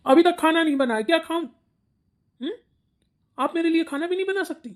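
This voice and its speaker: A woman's voice: very high-pitched, normal speed. A woman voicing a sleepy, hungry adult son who whines and complains in a cartoon. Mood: whiny. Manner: whiny, complaining. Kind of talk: cartoon voice acting.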